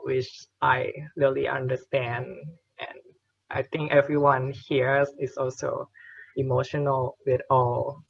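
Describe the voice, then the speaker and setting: Brief: male panel moderator, slow and gravelly, heard over dull lo-fi call audio. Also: mid-range voice. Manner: gentle, unhurried, with many fillers.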